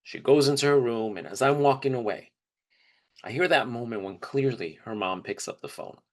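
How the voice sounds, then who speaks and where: This man leads student service trips and shares personal stories in a relaxed, conversational way, candid and openly emotional. His voice sits in the mid range at a normal speed.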